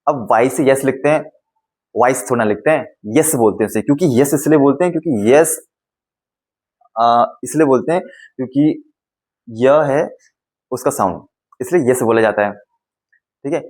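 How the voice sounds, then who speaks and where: A young male English teacher leads a phonics lesson, pronouncing each sound slowly and repeating it several times. His medium-pitched voice has a darkish tone, and the recording quality is poor.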